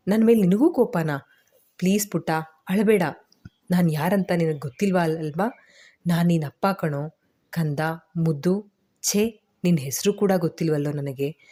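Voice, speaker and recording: A woman's voice: deep voice, normal speed, mellow, husky. A woman voicing a heartbroken young father who talks in a tearful, pleading way to his baby and his lost love.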